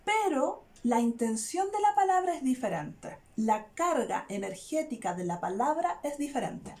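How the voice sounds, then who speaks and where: A woman's voice: sits high, measured pace. A woman, a therapist explaining an idea to her viewers in casual talk that is often broken up by "¿ya?". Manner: frequent "¿ya?" check-ins, animated and searching for words. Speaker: therapist and video host.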